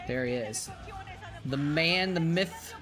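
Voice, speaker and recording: A streamer and former game caster chats loosely on a live stream while watching old matches, rambling, correcting himself and reading chat aloud to answer viewers. His voice, tired after hours of talking, is fairly high, expressive and slow, with steady music underneath and crowd noise.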